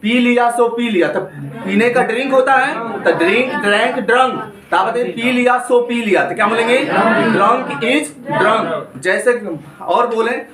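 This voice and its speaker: High-voiced man drilling a grammar lesson. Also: moderate pace, echoey room, recorded from a distance, crowd noise. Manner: repetitive question-and-answer drilling. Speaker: spoken English teacher.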